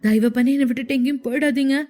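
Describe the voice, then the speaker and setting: A woman's voice: sits high, fairly even intonation, very fast, dark tone, soft background music. A woman voicing a frightened young woman who pleads and trembles in a storybook narration. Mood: frightened pleading.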